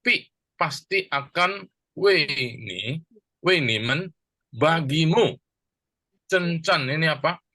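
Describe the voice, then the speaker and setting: A man's voice: a little high, expressive, sharp tone, no echo. A man teaching a Bible verse in a church class, explaining it word by word and asking and answering his own questions. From Indonesia. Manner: slow and deliberate with many pauses. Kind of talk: teaching a Bible verse, mixing two languages.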